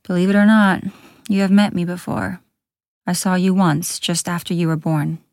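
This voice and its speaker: A woman voicing a gruff yet gentle male beast in a storybook, speaking softly and solemnly. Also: on the low side, fairly even intonation, moderate pace, dry recording, studio quality, natural voice. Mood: solemn confession. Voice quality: gruff, soft-spoken.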